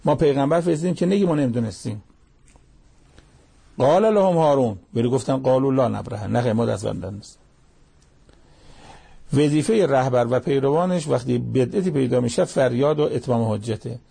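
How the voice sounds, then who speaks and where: A man's voice: mid-range voice, animated, creaky, long pauses, mellow, breathy edge. A man preaching a sermon, reciting Arabic verses, explaining them, and pressing listeners with pointed rhetorical questions.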